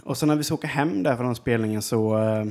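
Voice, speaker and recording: A man's voice: mid-range voice, darkish tone. Young man, loose rambling anecdote with fillers and curses. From Jönköping, Sweden. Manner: rambling, lots of fillers and swearing. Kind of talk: casual storytelling.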